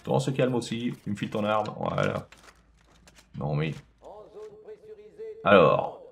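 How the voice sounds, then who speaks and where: A man's voice: lowish voice, huge pitch swings, a little slow, vocal fry, a little hiss or hum. A man casually commenting on his own video game play, chatting to himself and to the enemies on screen.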